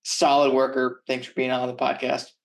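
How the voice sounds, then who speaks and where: A man's voice: mid-range voice, completely flat delivery, normal speed, gravelly. A young man with a boyish-sounding voice, hosting a podcast in a casual, chatty interview style. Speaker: podcast host.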